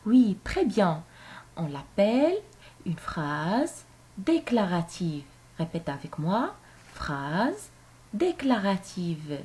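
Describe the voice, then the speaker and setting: A woman teaching a grammar lesson to young children, speaking slowly and clearly and repeating phrases for them to say back. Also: mid-range voice, very animated, warm tone.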